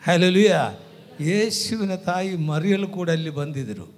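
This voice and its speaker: Pastor, male, Kannada accent, high and lively voice, dramatic revival-style preacher. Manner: dramatic preaching with frequent hallelujahs; swings between soft tender lines and loud fast outbursts. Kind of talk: sermon.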